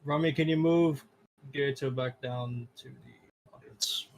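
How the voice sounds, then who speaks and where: A man moderating a casual online mock debate, calling people up to speak. He sounds relaxed and often lets his sentences trail off. A faint hum sits behind his voice. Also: medium pitch, slow, rough recording.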